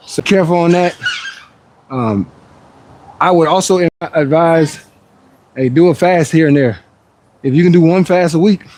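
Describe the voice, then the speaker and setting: A man in his forties talks in a relaxed, rambling way, answering chat questions between workout sets. His voice sits a little higher than most men's. It is casual livestream chat. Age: 40s. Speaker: fitness livestreamer.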